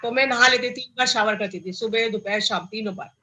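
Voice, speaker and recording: A middle-aged woman with an Indian accent recounts her own story, her voice bright and forceful. She sits a little above the usual pitch for a woman and tells it in an animated way, slipping into English phrases as she goes. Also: brisk, poor audio. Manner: animated, acts out quoted dialogue, mixes in English phrases. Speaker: cancer survivor guest. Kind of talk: personal storytelling.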